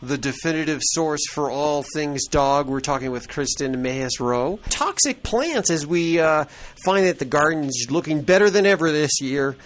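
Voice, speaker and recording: A man's voice: fairly high pitch, animated, normal speed, slight background noise. A man hosting a radio talk show, joking with his co-host and plugging giveaways. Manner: jokey, upbeat, plugging giveaways.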